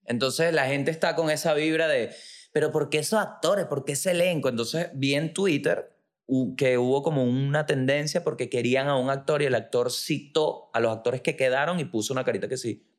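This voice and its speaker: Joking Venezuelan man, middle pitch. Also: normal speed. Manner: joking, slangy, profane. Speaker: podcast host. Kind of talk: comic monologue.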